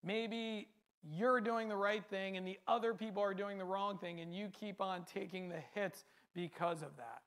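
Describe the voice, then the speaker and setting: A man's voice: sits high, fairly even intonation, normal speed, fairly bright tone. A man preaching a sermon, speaking earnestly in a repetitive cadence and often asking rhetorical questions.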